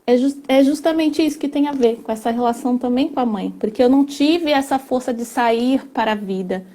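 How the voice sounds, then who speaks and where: A woman's voice: high-pitched, a little fast, warm tone. A woman, a family constellation therapist, explaining earnestly with frequent hesitations and tag questions. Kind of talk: explanatory conversation.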